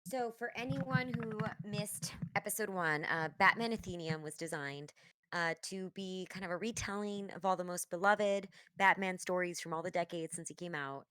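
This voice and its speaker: A woman with a fairly low voice hosts a cast call, teasing each actor as she moves things along. The sound is close and dry, picked up by a call microphone. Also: moderate pace, sharp tone, clean tone, dry recording. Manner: upbeat, teasing, keeps the call moving. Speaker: host of a voice-acting live read. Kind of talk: casual chat introducing the cast. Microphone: video call microphone.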